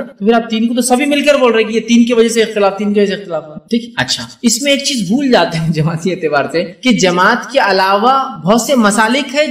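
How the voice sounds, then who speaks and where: A man preaches with fervor, firing rhetorical questions at his listeners. His voice sits fairly high. He sounds set back from the mic, and the room echoes around him. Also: far from the mic. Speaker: Islamic preacher. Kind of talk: religious talk.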